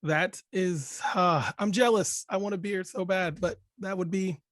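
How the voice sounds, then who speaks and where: Hoarse, raspy man with a higher-pitched voice. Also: fairly even intonation, a little slow, fairly bright tone, no echo. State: sick with a cold, lost voice. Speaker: podcast host. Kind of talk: casual podcast chat.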